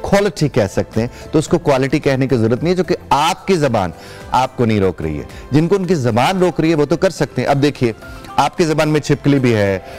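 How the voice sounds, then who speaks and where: A man's voice: medium pitch, very animated, brisk, darkish tone, faint music behind. Formal, explanatory male language teacher. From Pakistan. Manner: explanatory, formal Urdu with English words. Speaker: English teacher, guest. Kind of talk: studio TV interview.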